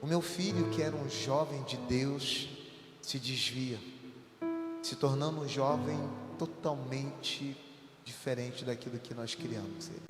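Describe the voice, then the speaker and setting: A man's voice: medium pitch, unhurried. A Brazilian man, a pastor, tells his church testimony in an earnest, confessional way, with music behind him. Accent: Brazilian Portuguese. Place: church hall. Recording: echoey hall with loud music behind.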